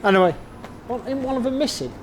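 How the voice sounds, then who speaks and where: An English man with a very high-pitched, expressive voice talks fast through a casual walking vlog, offering blunt, sweary, wry commentary. He goes from town streets at night into a pub, with slight background noise throughout.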